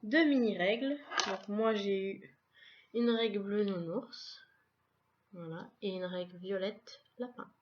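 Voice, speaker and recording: A woman's voice: medium pitch, slow, muffled recording, a little hiss or hum. A woman casually presenting a subscription box in a vlog, describing each item one by one in a chatty way. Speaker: vlogger unboxing a subscription box.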